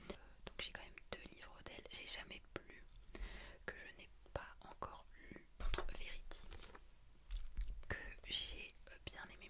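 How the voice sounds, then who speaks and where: Whispering young woman, ASMR book chat. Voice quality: breathy unvoiced whisper. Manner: hushed library-style whisper, hesitant pauses. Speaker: ASMR creator.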